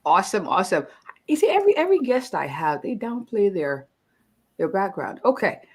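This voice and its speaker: A woman's voice: mid-range voice, very animated, brisk, breathy edge. A woman physician hosting a live-streamed interview, upbeat and effusive, often repeating words of praise. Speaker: host, family physician.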